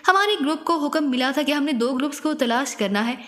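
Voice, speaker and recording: A woman's voice: high voice, fairly quick, a bit bright. A woman voicing a frightened, wounded captive woman spy in an audiobook story. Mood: confessing. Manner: pleading, fearful. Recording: long hall reverb.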